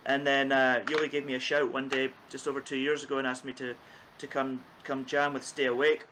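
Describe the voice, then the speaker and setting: A man's voice: medium pitch, flat delivery, brisk, fairly bright tone, a little hiss or hum, low-quality recording. A man from the east coast of Scotland, telling self-mocking stories as a band guest on a video call. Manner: jokey, self-mocking storyteller. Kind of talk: casual chat.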